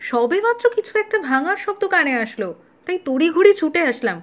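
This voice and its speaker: An actress playing a caring, anxious young wife in an audio drama, questioning and affectionate. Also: female voice, high-pitched, very animated, a little fast. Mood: worried. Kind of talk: Bengali audio drama acting.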